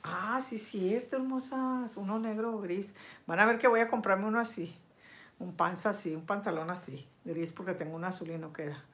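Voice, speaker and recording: A woman's voice: mid-range voice, fairly even intonation, normal speed, fairly bright tone. Older woman, 60s, casual live chat, affectionate, lots of endearments. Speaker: vlogger reading viewer comments.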